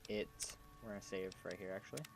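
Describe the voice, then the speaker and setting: A man's voice: low voice, fast talker, over music. A man talking casually over livestream headset audio as he plays a game, rambling and thinking aloud. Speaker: streamer. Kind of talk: casual gaming livestream commentary. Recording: clear background noise.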